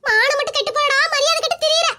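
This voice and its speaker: A woman voicing a quick-tempered elderly mother-in-law in a cartoon skit, scolding and whiny. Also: bright, forceful tone. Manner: shrill, scolding and wailing.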